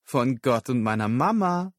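A woman's voice: rumbling low, expressive, measured pace, no echo, clean studio sound, voice pushed up, exaggerated voice. A man voicing a brash, teasing young female street hustler in an audiobook. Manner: teasing, brassy, scornful.

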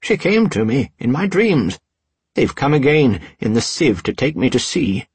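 A man's voice: mid-range voice, sing-song, normal speed, slightly rough, no echo, voice pushed up, full character voice. A man voicing a frail, grieving old man who cries out in a raised, anguished voice.

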